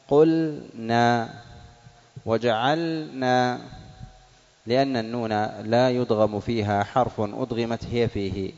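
A man teaching the rules of Quran recitation to a class. He stretches out example words slowly, repeats them, and quizzes his students. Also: medium pitch, a little mellow. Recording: dull audio in a reverberant hall.

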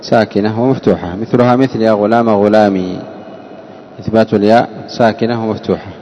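A low-pitched man gives a grammar lesson. He keeps asking his students questions, then repeats their answers back to them. His voice carries a long reverb, as in a large hall. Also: steady tone, quick pace, warm tone, lo-fi sound, slight background noise. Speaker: teacher of Arabic grammar. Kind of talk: classroom lesson on a grammar text.

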